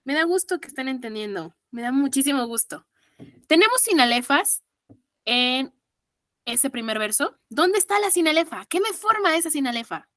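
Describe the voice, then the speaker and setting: A woman's voice: high-pitched, expressive, moderate pace, a bit bright, no echo, clean studio sound. A woman with a Mexican accent teaching an online exam-prep class, counting syllables aloud and praising her students patiently.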